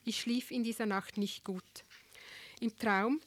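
A woman reading a first-person story aloud in a wry, expressive storytelling manner, recorded on a close mic. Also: fairly high pitch, takes it slowly. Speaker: audiobook narrator.

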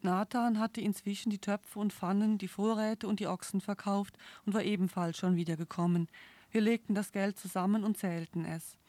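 A woman reading a novel aloud in the first person with steady, earnest storytelling. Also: medium pitch, moderate pace, no echo. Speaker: audiobook narrator.

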